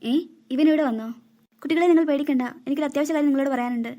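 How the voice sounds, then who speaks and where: A cartoon snake queen disguised in human form, played by a woman speaks in a high voice at a rapid clip. She is gentle and motherly with lost children but guards her secret. Her lines come out quick and bright. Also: lightly acted. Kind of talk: cartoon voice acting.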